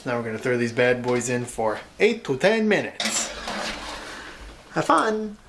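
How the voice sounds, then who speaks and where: A woman chatting in a relaxed, easygoing way while trying cookies at home for a vlog. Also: a bass voice, moderate pace, noisy background. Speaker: vlogger. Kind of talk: casual home vlog chat. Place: home kitchen.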